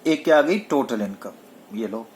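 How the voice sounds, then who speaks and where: A male tax lecturer with a lively, swinging voice, explaining step by step. He keeps asking students questions and then answers them himself, often switching to English technical terms. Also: mid-range voice, normal speed, a little hiss or hum. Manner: mixes English technical terms into his speech. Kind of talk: recorded classroom lecture.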